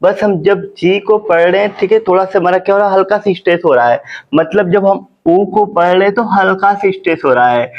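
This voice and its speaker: A male teacher giving a phonics lesson, repeating words slowly and asking questions to the class. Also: high-pitched, highs cut off. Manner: slow, repetitive, drawn-out teaching.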